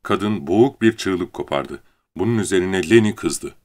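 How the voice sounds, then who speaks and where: A man narrating an audiobook in a measured, steady reading manner. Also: low-pitched. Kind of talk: scripted narration.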